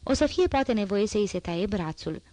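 A woman's voice: mid-range voice, expressive, darkish tone, dry recording, close to an everyday voice. A scheming old former actor pleads for charity, as a woman reader puts him on. His voice is whining and theatrical, rising above the narration when he begs. The audiobook recording is dry and close. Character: scheming poor old male ex-actor, fawning beggar. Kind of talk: audiobook character reading.

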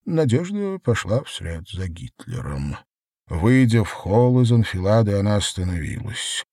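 A man narrating an audiobook in an expressive, dramatic reading. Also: fairly low pitch, measured pace, husky, no room sound, studio quality.

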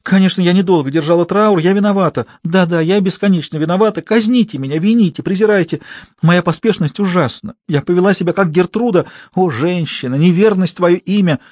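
A man's voice: sits high, brisk, darkish tone, no room sound, pitched above the performer's own voice. A man reading an audiobook who voices a melodramatic young actress, gushing and sobbing in exclamations. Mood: tearful theatrical. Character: melodramatic young actress wife, tearful and theatrical. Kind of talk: audiobook character voice.

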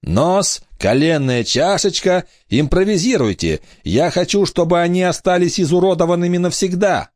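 Shrill pirate captain, squeaky high voice, gloating menace, lively swoops, dry storybook read. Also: male voice, normal speed, hardly any pauses, no echo.

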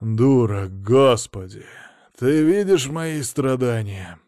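A man voicing a rude, angry middle-aged male millionaire who blusters and shouts in a hoarse voice. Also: medium pitch, expressive, slow, no echo, clean studio sound. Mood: furious.

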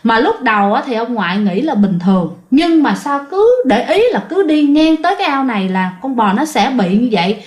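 A woman's voice: fairly high pitch, lively intonation, normal speed. A woman narrating a ghost story in a chatty way, talking directly to her listeners. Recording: roomy echo.

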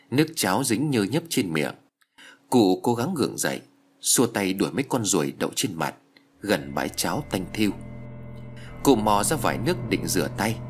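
A man narrating a horror ghost story with dramatic, expressive delivery. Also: low voice, slight background noise.

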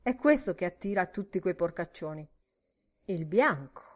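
A woman reading an audiobook voices a man's wandering inner thoughts in a quiet, musing monologue. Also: lowish voice, lively intonation, moderate pace.

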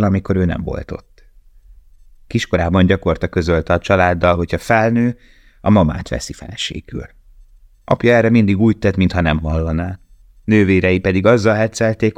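A man reading an audiobook in a measured, grave, steady voice. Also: sits low, dry recording. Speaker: audiobook narrator. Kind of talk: scripted narration.

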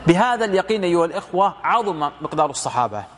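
A man's voice: high voice, sing-song, very fast, fairly bright tone. A man giving a lecture commentary on hadith as a religious teacher, explaining through rhetorical questions and retold dialogue.

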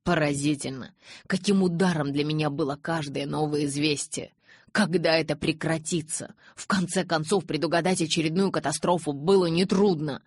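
Low-voiced woman reading a novel, calm and even, very dry close sound. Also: no room sound. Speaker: audiobook reader. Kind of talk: first-person audiobook narration.

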